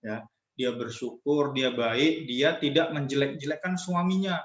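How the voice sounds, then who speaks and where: A man's voice: medium pitch, steady tone, a little slow. A young man telling a religious story to children and drawing a lesson from it, playful and acting out quoted voices. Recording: echoey lo-fi recording.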